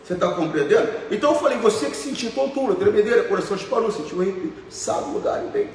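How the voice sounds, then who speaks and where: A man's voice: high voice, lively intonation, fast talker, a little mellow, slight background noise. A man preaching as a pastor, telling stories with emphatic repetitions. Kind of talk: preaching sermon. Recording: echoey hall, voice from far off.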